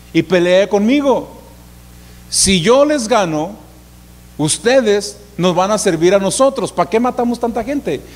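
A man voicing a boastful, taunting giant male warrior in high, loud shouts, in a reverberant hall. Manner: shouted challenges. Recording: reverberant hall, faint hum.

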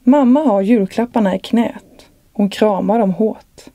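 An author reading from her own novel in a calm, measured voice. Her tone is unusually dark and mellow, at an average pitch. The recording is close and dry. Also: no room sound.

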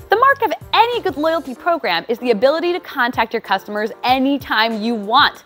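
A lively woman in her thirties with a fairly high voice gives a scripted pitch straight to camera. Her pitch swings widely as she stays persuasive throughout. Soft music plays faintly under her voice. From Washington State, United States. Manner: upbeat and persuasive, lively delivery. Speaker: host. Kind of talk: scripted business explainer to camera. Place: small shop with shelves of toys and boxes, indoors.

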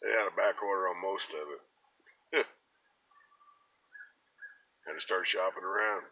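A man's voice: sits low, fairly even intonation, unhurried, pushed and bright, breathy edge. An American man in his fifties rambling casually in a folksy, plain-spoken way. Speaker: pipe-smoking vlogger. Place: inside a parked car. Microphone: phone at arm's length.

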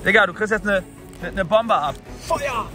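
A young man vlogging from a boat on cold water, loud and exclaiming to his viewers, freezing and shivering. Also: high voice, a little fast, over music. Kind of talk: excited outdoor challenge vlog.

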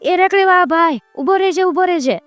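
A woman's voice: very high-pitched, a little fast, dry recording, faint music behind, voice pushed up. A woman voicing a young servant girl in a folk tale, calling out shrilly. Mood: urgent calling.

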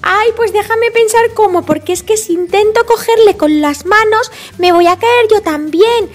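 A woman's voice: very high voice, pitched above the performer's own voice. A woman with a Spain Spanish accent voicing a bossy little girl pig who scolds and fusses over her baby brother. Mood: scolding. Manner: scolding, fussing, quick sighs.

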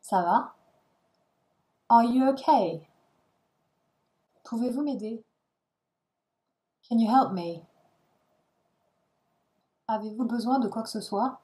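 A woman's voice: a little high, expressive, takes it slowly, long pauses, warm tone, poor audio. A woman reading short phrases for a language lesson, each one followed by its translation. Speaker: language teacher.

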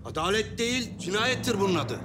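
An actor playing an outspoken, indignant villager in a historical drama, blunt and agitated. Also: male voice, sits high, big pitch swings, a little fast, over music.

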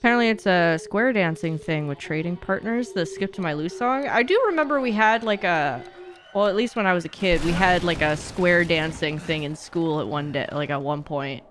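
Streaming a horror game from her home streaming room, a young woman keeps up playful, chatty talk, bursting into song and silly noises. Her fairly low, fairly bright voice has lively intonation at normal speed, with slight background noise.

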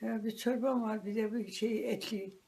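A man playing an old grandmother in a comedy sketch, talking in halting, rambling bits. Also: high voice, fairly even intonation, warm tone. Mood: fussing. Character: old grandmother, fussing and caring.

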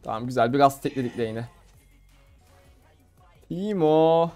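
A man's voice: medium pitch, expressive, a little slow, darkish tone, faint music behind. A young man from Turkey giving casual, playful commentary on his own gameplay, laughing and talking to viewers. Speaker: gamer streamer.

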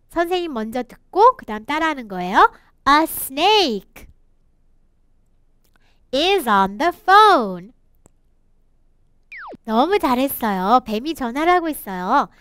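Woman, children's English teacher, slow bouncy delivery, dry close mic. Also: sits high, fairly bright tone, no echo. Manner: slow, encouraging, sing-song reading with laughs. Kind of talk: children's picture book English lesson.

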